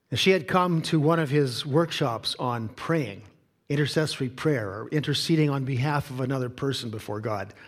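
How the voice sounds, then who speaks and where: A male pastor preaching a sermon in a fairly high voice. He shifts from booming, emphatic quotes down to hushed, personal questions for his listeners. His delivery is dynamic and earnest throughout. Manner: dynamic preaching, swings between loud emphatic quotes and quiet intimate asides.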